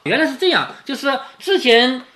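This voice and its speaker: A man's voice: very high-pitched, big pitch swings, normal speed, sharp tone. A man reading a classic novel aloud to his daughter, retelling each passage in plain words and often checking with her with little questions. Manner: keeps checking with questions like "right?".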